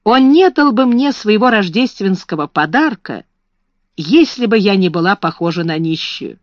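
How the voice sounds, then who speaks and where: A woman's voice: mid-range voice, very animated, moderate pace, dry recording, close to an everyday voice. A woman voicing a proud hungry young girl. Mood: wry. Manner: restrained, then bitter. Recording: dull, slightly muffled recording.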